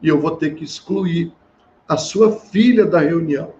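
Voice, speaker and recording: High-voiced man giving an earnest seminar. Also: measured pace, a little mellow. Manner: earnest, acts out quoted dialogue. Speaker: family therapist and seminar speaker. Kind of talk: storytelling seminar talk. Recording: slightly dull with faint hiss.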